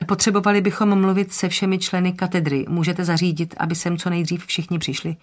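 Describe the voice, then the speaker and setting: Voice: mid-range voice, flat delivery, close to an everyday voice. A narrator voicing a businesslike woman lawyer investigating a death, giving polite orders. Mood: brisk. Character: brisk woman investigator, lawyer, matter-of-fact.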